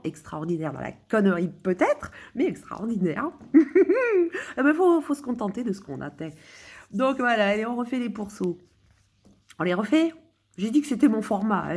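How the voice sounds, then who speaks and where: A woman's voice: mid-range voice, darkish tone, husky. A woman chatting casually with her viewers, rambling and joking at her own expense. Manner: rambling, self-mocking and joking. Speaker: streamer explaining her own texts.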